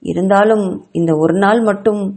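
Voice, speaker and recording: A woman's voice: medium pitch, fairly even intonation, moderate pace, mellow, close to an everyday voice. A woman reads an orphaned young student girl from a spoken storybook, clingy and emotional. She talks in an earnest, pleading, confiding way.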